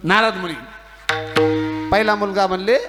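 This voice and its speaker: A man's voice: sits high, flat delivery, moderate pace, soft background music. A man with a Marathi accent, preaching a devotional kirtan full of jokes, stories and acted-out dialogue. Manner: storytelling with jokes and mimicry, teasing the audience. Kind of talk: humorous devotional sermon.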